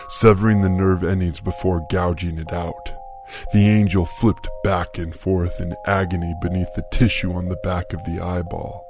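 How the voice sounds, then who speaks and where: Deep-voiced man narrating horror. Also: darkish tone. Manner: measured, somber storytelling. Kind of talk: scripted first-person horror narration.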